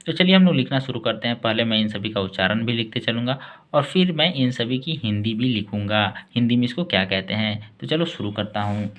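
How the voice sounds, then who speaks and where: Male tutor with a mid-range voice who walks beginners through spelling and meanings slowly and patiently. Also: mid-range voice, a bit bright. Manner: spells words out letter by letter and drags out key words. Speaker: English teacher and channel host. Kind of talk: slow spelling lesson for beginners.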